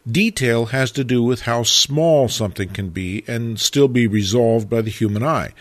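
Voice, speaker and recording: A man narrating a photography lesson in a measured, reflective way, stressing key words. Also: medium pitch, no echo. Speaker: photography teacher. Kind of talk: scripted narration.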